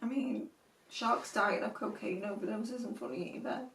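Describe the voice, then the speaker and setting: A woman's voice: mid-range voice, moderate pace, vocal fry, a bit bright, slight background noise. Wry woman co-host, roomy sound. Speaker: podcast co-host. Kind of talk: casual chat. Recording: roomy, from a distance.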